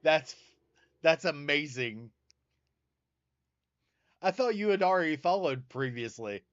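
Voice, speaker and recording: Chatty man with a deep Southern drawl. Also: expressive, moderate pace, no echo, highs cut off. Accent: Southern US, North Carolina mountains. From North Carolina mountains. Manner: chatty, thanking viewers by name. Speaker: livestreamer. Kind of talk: casual livestream chat.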